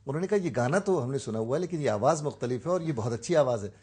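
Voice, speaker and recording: A male talk show host with a slightly husky, breathy voice. He leads a studio interview at a middle pitch, mixes English words into his questions, and murmurs short agreements while his guest talks. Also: lively intonation, darkish tone. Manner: frequent murmured backchannels.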